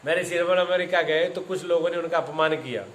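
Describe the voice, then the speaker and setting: A man's voice: fairly high pitch, brisk, fairly bright tone, reverberant, a little hiss or hum, low-quality recording. A man giving a spiritual discourse as a teacher, telling stories with acted quotes and repeating his phrases.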